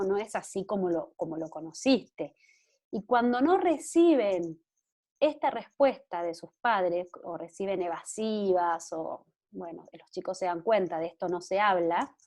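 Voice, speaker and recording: Woman giving a parenting talk, earnest, keeps asking "sí?" to check in, mid pitch. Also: a little mellow. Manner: earnest, checks in with listeners, tells anecdotes. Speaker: speaker at a parenting workshop. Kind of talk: explanatory workshop talk.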